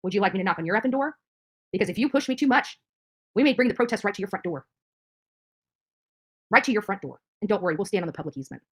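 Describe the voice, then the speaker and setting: A middle-aged woman, an activist streamer, rants angrily and confrontationally straight to the camera, indignant and repeating her points. Her mid-range voice is husky and animated, and she talks fast with frequent pauses.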